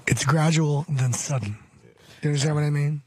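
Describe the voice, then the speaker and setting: A man's voice: a little high, moderate pace, a little mellow, a little hiss or hum. A man in his thirties from Hollywood, California, chatting as a radio show guest, rambling and repeating phrases with frequent chuckles. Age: 30s. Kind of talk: casual radio chat.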